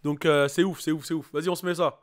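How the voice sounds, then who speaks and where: A man hosting a YouTube reaction video, talking casually and excitedly to his viewers with lots of fillers. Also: a little high, quick pace. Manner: excitable, hyped, chatty with many fillers.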